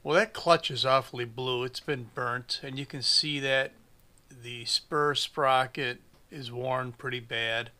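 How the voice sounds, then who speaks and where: He speaks slowly in a steady, medium-pitched voice that sounds pushed and bright. A small engine repair mechanic in his forties, he narrates fixing a chainsaw at his bench, plain-spoken and dryly humorous, thinking out loud while he works.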